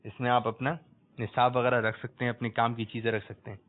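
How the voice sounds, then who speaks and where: A man's voice: medium pitch, level tone. Man hosting a quiz, tinny lo-fi sound. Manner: coaxing, prompts answers, bursts out praising correct ones. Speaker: quiz host for children. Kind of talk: religious children's quiz show hosting.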